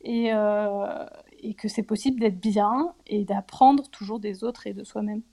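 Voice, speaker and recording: During an interview, a woman in her forties shares personal matters candidly, thinking aloud with hesitation and lots of filler pauses. Her voice is medium-pitched, steady, and mellow, and there's a little hiss or hum on the recording.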